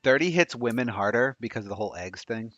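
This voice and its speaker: A man in his thirties co-hosting a live betting stream, chatting quickly and reading odds off a screen. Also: medium pitch, animated, fairly bright tone, dry recording. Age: 30s. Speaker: sports betting show co-host. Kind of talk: casual live-stream chat. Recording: dry, dull lo-fi mic.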